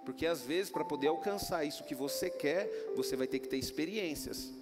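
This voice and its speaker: Brazilian pastor guy preaching, high-ish voice, big rises n soft drops, music under him. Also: a little fast. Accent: Brazilian Portuguese. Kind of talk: sermon. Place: church hall. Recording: roomy hall with music behind. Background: music playing.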